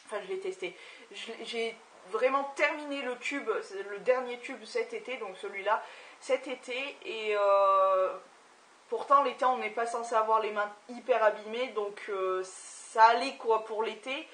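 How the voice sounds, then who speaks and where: A woman's voice: on the high side, measured pace, fairly bright tone, distant mic, slight background noise. Hesitant young woman in an echoey room. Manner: hesitant, many filler sounds. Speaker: beauty vlogger. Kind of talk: casual product review vlog.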